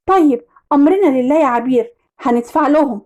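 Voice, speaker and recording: A woman voicing a calm, caring husband in a storybook tale, gentle and reassuring with an Egyptian Arabic accent. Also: high-pitched, fairly quick, close to an everyday voice. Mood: soothing.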